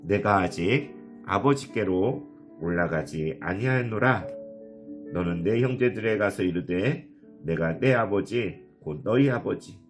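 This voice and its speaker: A man reading a calm risen teacher. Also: fairly low pitch. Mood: solemn. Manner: calm measured quoting. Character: risen teacher speaking gently to a woman. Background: soft guitar music.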